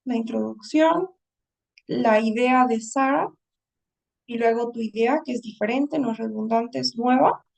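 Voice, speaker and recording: A woman's voice: on the high side, unhurried, creaky, far from the mic, low-quality recording. A woman English teacher giving a writing lesson, explaining patiently and often checking in with her students.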